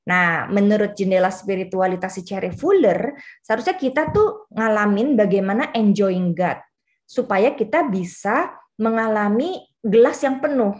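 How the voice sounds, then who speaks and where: A woman's voice: mid-range voice, animated, normal speed. A woman in her late forties, a pastor giving a chatty, personal youth fellowship sermon with frequent fillers. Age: 40s.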